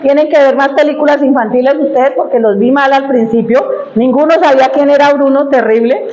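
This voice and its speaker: Brisk and high-pitched, with a darkish tone, a woman preaches in a church hall, telling her personal testimony emotionally and conversationally while putting questions to the congregation. The recording is echoey and dull.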